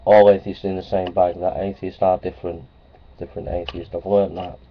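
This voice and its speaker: A casual vlog: a middle-aged man, low-voiced and level in tone, talks a little fast into a webcam close by. He's plainspoken, repeats himself, and leans heavily on ums and uhs. His small office has framed certificates on the wall, and the recording is dull and lo-fi, with a faint hiss.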